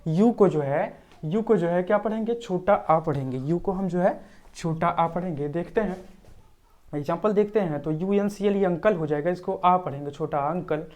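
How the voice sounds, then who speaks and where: A woman teaching pronunciation rules in a tutorial, repeating each point slowly and step by step. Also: on the low side, a little mellow. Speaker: English teacher.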